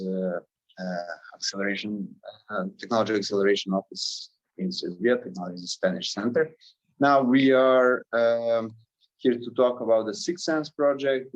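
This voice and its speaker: A man with a low voice explains a project over a video call, steady but with some fillers. The sound is dry and a bit muffled, close to the mic. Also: no room sound. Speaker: project presenter at a workshop.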